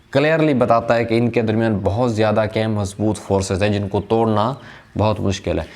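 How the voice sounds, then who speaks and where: Male chemistry teacher, mid-pitched, lecturing in a question-and-answer rhythm. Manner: asks rhetorical questions and answers them himself; addresses the listener as brother. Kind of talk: classroom lecture.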